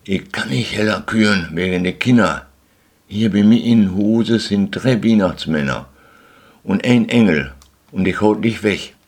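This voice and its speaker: A man's voice: fairly low pitch, a little slow, pitched above the performer's own voice. A man voicing a grumpy, stubborn middle-aged householder, in a read-aloud story. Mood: hushed.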